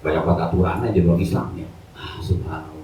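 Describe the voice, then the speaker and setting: A man's voice: low-pitched, fairly even intonation, fast, dark tone, a little hiss or hum. A man giving a casual, joking evening sermon at a mosque, full of colloquial street slang. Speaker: ustadz giving an Islamic study lecture. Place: mosque hall. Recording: echoey hall, mic from a distance.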